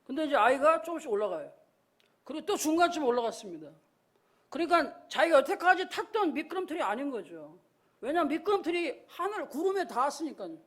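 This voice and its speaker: Korean guy pastor, really high voice, preaching and acting out little quotes in the story. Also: sing-song, fairly quick. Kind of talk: sermon.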